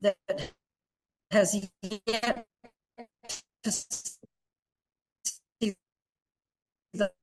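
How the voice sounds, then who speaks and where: Woman calling in to a meeting, audio glitching and cutting out, slow halting delivery, fed up. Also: mid-range voice, fairly even intonation, darkish tone, a little hiss or hum. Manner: exasperated, insistent, halting. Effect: glitching, breaking-up online call audio. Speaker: public commenter calling in. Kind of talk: public comment at a board meeting. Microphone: remote online call.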